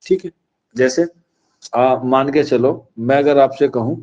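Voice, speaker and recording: A male teacher giving an exam-prep lecture. He asks the class questions and answers them himself, and he repeats key phrases slowly for dictation. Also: medium pitch, darkish tone, muffled recording.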